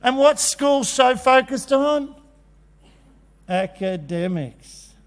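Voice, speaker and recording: Lively man on stage. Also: very high voice, takes it slowly. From Australia. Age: 50s. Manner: animated and jokey, acting out kids' voices. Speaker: conference speaker. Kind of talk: energetic presentation. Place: large conference hall. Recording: long hall reverb.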